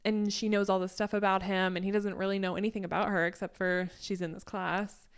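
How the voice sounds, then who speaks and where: A woman co-hosting a podcast talks in a loose, chatty way, full of "like" and soft laughs. Her voice is smooth and clear. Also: medium pitch, flat delivery, a little fast. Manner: chatty, laughs lightly mid-sentence, uses lots of "like". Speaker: podcast co-host. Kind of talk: casual chat.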